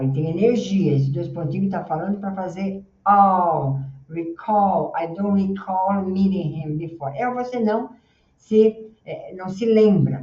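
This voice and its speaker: A woman with a Brazilian Portuguese accent teaching an English grammar lesson, patiently explaining and sounding out English words slowly. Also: on the low side. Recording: roomy, distant, dull lo-fi sound.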